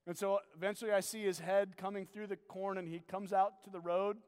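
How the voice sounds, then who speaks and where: A man preaching a sermon, telling a story with animated energy and then asking quiet, earnest questions. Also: sits high, brisk, clear, resonant tone. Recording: long hall reverb.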